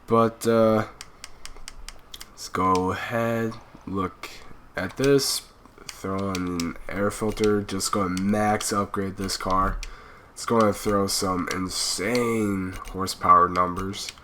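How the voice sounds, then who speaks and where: A young gaming channel host, stuffy with a cold, rambles with fillers in a laid-back way while casually commenting on a racing game. His low voice is steady, slow, pushed and bright, and there's a little hiss or hum.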